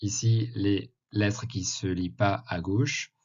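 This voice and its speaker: A man teaching a language lesson over slides, speaking haltingly with many filler sounds. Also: lowish voice, fairly even intonation, darkish tone. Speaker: Arabic teacher. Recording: dull lo-fi recording.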